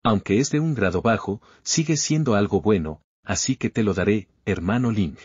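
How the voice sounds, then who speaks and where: A man's voice: fairly low pitch, animated, moderate pace, darkish tone, slightly rough, no room sound. A man voicing a scheming cultivator who acts friendly while chuckling slyly. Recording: slightly dull lo-fi recording.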